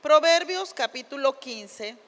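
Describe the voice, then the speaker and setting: A woman's voice: high voice, lively intonation, slow pace. A woman pastor preaching a sermon, retelling scripture in plain words and checking in with frequent tag questions. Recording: long reverb of a church hall.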